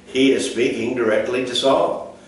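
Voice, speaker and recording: A male pastor teaches a Bible study casually, rambling in a folksy way with many fillers and restarts. His medium-pitched voice is flat and at normal speed, recorded from a distant mic in an echoey room with faint noise.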